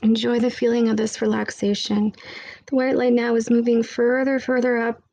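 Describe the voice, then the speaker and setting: A woman guides a meditation in a fairly high, hushed voice with a gravelly edge. She soothes with repetitive, hypnotic phrases, spoken close and dry into the microphone. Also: little pitch movement, moderate pace, no room sound.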